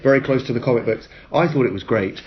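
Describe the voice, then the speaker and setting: A man's voice: mid-range voice, fast, muffled recording. A man co-hosting a podcast, chatting casually in a sweary, sarcastic way, recorded on a phone with poor sound quality. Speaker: podcast co-host. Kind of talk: casual banter. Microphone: iPhone.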